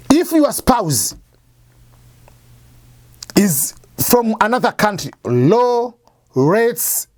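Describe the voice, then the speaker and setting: With a high, slightly mellow voice in a dry recording, a man hosts an immigration advice show. His talk to camera proceeds step by step, conversational in style, as he asks and then answers his own questions.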